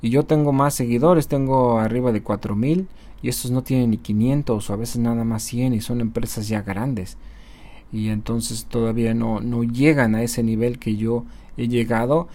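A man who markets on social media speaks to his viewers in a mellow, mid-range voice with fairly even intonation, giving an informal motivational talk. He often adds tag questions to check in and pauses on hesitation fillers.

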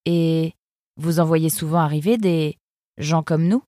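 A woman's voice: low voice, steady tone, a little slow, dark tone, no echo, clean studio sound. Woman voicing an earnest young male fox. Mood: curious.

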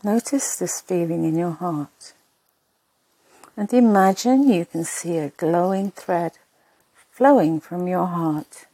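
A woman narrating a sleep meditation in a soft, breathy, husky voice, soothing and hushed, in short spaced phrases. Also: fairly low pitch, no echo.

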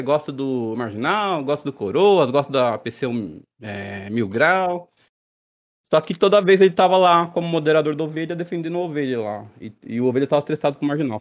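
Rambling, aggrieved man. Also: fairly high pitch. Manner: airs grievances in a long, rambling account. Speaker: guest on a livestream. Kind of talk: casual livestream debate.

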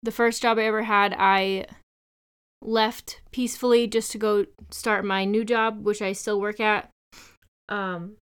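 Chatty young woman podcaster, smooth voice. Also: mid-range voice, little pitch movement, a little slow, a bit bright. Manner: chatty, sarcastic, rambling asides. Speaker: podcast host. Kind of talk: casual solo podcast chat.

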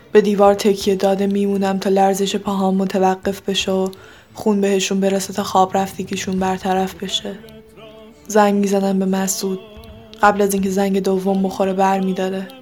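A woman narrating a scripted first-person story in a very flat, unvarying tone. Her delivery is subdued and steady. Soft music plays quietly behind her. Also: medium pitch.

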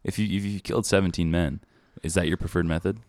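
Male co-host, low-pitched and dry-miked, slangy deadpan teasing in relaxed chat among friends. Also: quick pace, no room sound.

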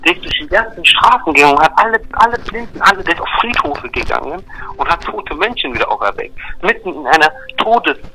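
Emphatic bright-voiced man explaining faith. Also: fairly high pitch, expressive, fast talker, poor audio. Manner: emphatic, repetitive, checks in with "ja?" and "verstehst du?". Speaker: religious explainer. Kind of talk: earnest one-on-one religious explanation.

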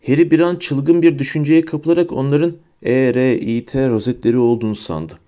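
A man's voice: mid-range voice, fairly even intonation, brisk, warm tone. Man reading an audiobook aloud. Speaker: audiobook narrator. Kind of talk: scripted audiobook narration.

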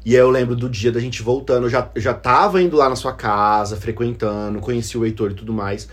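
A man co-hosting a casual podcast chat, telling stories in an animated way and laughing often. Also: mid-range voice, brisk. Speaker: podcast co-host.

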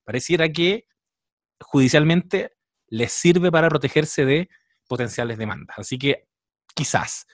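A man's voice: on the high side, a little slow, long pauses, dry recording, clean studio sound. Chatty Chilean man reviewing a series. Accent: Chilean Spanish. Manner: chatty, analytical, with thinking fillers. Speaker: podcast co-host. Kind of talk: casual podcast chat reviewing a series.

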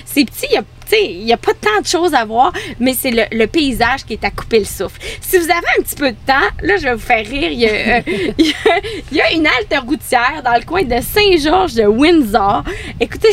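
A woman from Saguenay with a Quebec French accent, co-hosting a podcast and chatting enthusiastically about road-trip spots, laughing often. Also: sits high. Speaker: podcast co-host. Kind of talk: casual chat recommending road trips. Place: on a pontoon boat.

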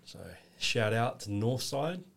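Slight background noise accompanies this expressive, medium-pitched voice of a man from England in his twenties, speaking a little slowly. He's a podcast guest in a casual interview chat, rambling easygoingly with lots of "you know" and other fillers.

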